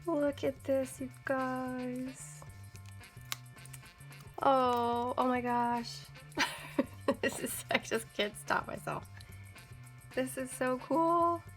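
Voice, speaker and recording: Gushing, giggly woman unboxing art supplies. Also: on the high side. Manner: gushing, excitable, breaks into giggles. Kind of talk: casual unboxing vlog.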